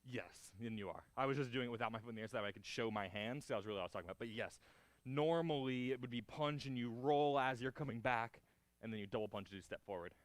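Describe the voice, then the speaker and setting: Male martial arts instructor, mid-pitched voice, dry close sound. Clipped counts and cues, encouraging corrections, hands-on class delivery. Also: fast talker, dry recording. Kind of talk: hands-on karate class instruction, demonstrating moves aloud.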